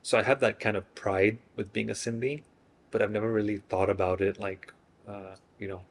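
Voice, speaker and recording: A man in his thirties from Singapore, chatting casually in an interview, relaxed and hesitant with frequent fillers and restarts. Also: lowish voice, moderate pace.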